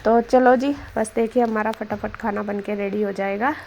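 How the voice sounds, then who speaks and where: A woman's voice: medium pitch, fairly even intonation, normal speed, creaky, a little mellow, a little hiss or hum. A woman, a mother chatting and teasing her kids while serving food at home for a vlog. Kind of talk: casual home vlog chat. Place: family home kitchen.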